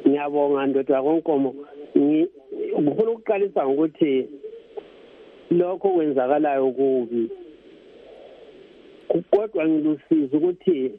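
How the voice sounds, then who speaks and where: A man's voice: on the high side, animated, moderate pace, gravelly, long pauses, slight background noise. A man with a Zimbabwean Ndebele accent, close to Zulu, calling a radio phone-in over a telephone to give his political opinion. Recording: tinny, narrow phone line.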